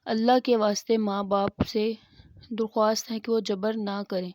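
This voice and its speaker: A woman's voice: medium pitch, little pitch movement, a little mellow, no room sound. A woman telling religious stories in a sermon style, fervent and emphatic. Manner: fervent, emphatic, acts out quoted dialogue. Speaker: religious storyteller. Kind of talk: Islamic sermon storytelling.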